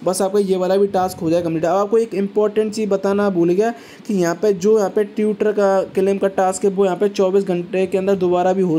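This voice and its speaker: A man's voice: sits high, mellow, a little hiss or hum. A man giving a casual step-by-step walkthrough, chatty, often checking in with viewers and calling them brothers. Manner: chatty, repeats "ठीक है" and addresses viewers as brothers. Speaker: crypto tutorial YouTuber. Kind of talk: casual screen-recorded walkthrough.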